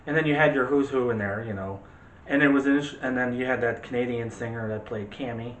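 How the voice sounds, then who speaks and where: The host of a film discussion show rambles through a casual movie chat, correcting himself along the way. His mid-range voice is a bit bright and a little fast, with fairly even intonation, recorded in a roomy echo with faint background noise.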